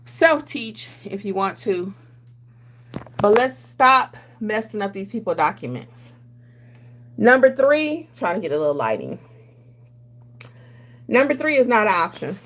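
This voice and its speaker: A woman's voice: medium pitch, lively intonation, a little slow, pauses often, fairly bright tone, slight background noise. A middle-aged woman hosting a casual livestream, chatting emphatically and colloquially as she answers viewer comments about notary work.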